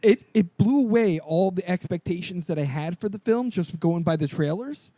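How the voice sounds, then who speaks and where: Male podcast co-host, slightly raised pitch, dry mic, excitable and profane. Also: normal speed, no room sound. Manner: excited, swears a lot, laughs often. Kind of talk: casual movie discussion.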